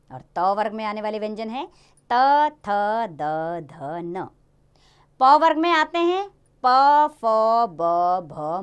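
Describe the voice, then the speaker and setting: A woman teaching a Hindi grammar lesson to young children in a lively, sing-song way. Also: medium pitch, clean tone.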